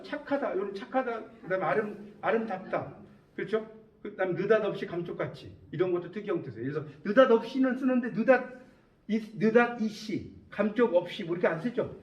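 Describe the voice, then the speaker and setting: A man's voice: high voice, animated, quick pace. A man lecturing a class in a lecture room, often stopping to ask the students whether they follow. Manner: questioning students often, checking understanding. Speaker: university lecturer. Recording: distant, echoey, dull classroom recording.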